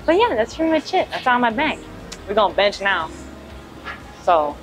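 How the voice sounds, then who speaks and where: A woman's voice: on the high side, sing-song, normal speed. Young woman rambling casually on a lapel mic. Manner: rambling, heavy on filler words. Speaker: powerlifter. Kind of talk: casual vlog chat. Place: indoor gym. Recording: background music under the voice.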